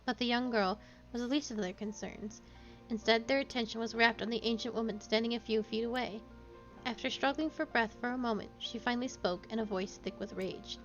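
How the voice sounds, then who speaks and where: A woman's voice: fairly high pitch, steady tone, a little fast, a bit bright, muffled recording, faint music behind. A woman streamer reading a novel aloud, now and then slipping and correcting herself. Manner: storytelling, small slips and self-corrections.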